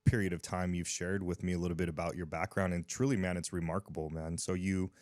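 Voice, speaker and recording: A man's voice: low-pitched, flat delivery, quick pace, darkish tone, no room sound, studio quality. A man hosting a casual podcast interview, talking in a laid-back, slangy way. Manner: laid-back, slangy, says dude and bro. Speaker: podcast host.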